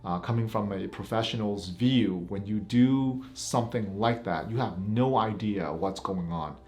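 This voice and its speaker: A man's voice: fairly low pitch, unhurried, a little mellow. A middle-aged man, a physician, reacting to clips in a casual commentary, giving blunt warnings with a half-joking edge.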